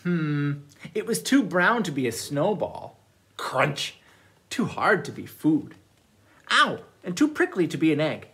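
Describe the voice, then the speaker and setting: Lively, expressive male children's librarian. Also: fairly high pitch, a little slow. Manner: animated, expressive read-aloud voice. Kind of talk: children's storytime read-aloud.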